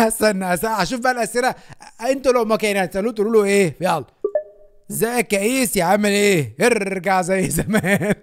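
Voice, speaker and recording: A young Egyptian man with an Egyptian Arabic accent, joking and animated as a gaming YouTuber. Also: high-pitched, quick pace, faint music behind. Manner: joking, animated, laughs often. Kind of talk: playful gaming commentary.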